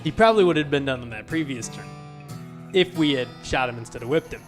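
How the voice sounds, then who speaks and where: A man playing a video game, reading its text aloud with wry, deadpan asides. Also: medium pitch, fast talker, faint music behind. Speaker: let's player.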